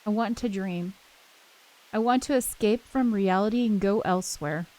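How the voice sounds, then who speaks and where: A woman hosts a gaming channel's let's play, moving between casual chatter and reading a visual novel's text out loud. Her voice is mellow and medium-pitched at a normal speed. The audio quality is poor, with game soundtrack music playing behind her.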